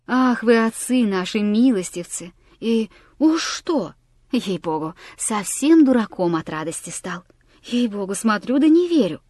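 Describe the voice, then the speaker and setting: A woman's voice: medium pitch, expressive, measured pace, a little mellow, dry recording, clean studio sound. A woman voicing a fawning, tipsy middle-aged village bailiff who talks in a wheedling sing-song.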